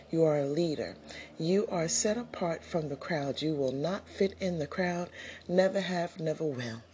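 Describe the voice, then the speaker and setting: A middle-aged woman hosting her own podcast, talking to listeners in an earnest, unhurried motivational monologue with soft laughs and breathy asides. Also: sits low, slight background noise. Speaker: podcast host.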